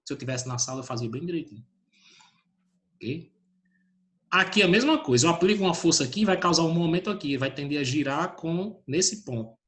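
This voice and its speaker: A man's voice: fairly high pitch, animated, brisk, fairly bright tone. A man teaching an online physics class, calling on students by name and asking questions that he answers himself.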